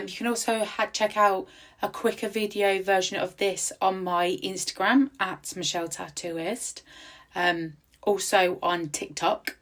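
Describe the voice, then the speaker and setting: Recorded outside in peaceful countryside, this tattoo artist talks in a loose, rambling voice-over with plenty of ums. Her croaky voice sits fairly low.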